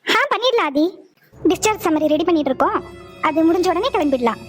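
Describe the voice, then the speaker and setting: A woman voicing a practical female doctor in an animated cartoon, giving discharge instructions. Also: very high-pitched, soft background music. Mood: brisk. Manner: brisk and businesslike.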